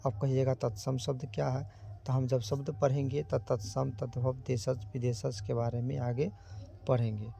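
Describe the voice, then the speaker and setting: A man teaching Hindi grammar, sounding out letters slowly and asking himself rhetorical questions to the viewer. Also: mid-range voice, flat delivery, creaky, mellow, faint music behind. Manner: slow, careful sounding out of letters. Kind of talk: explaining grammar lesson.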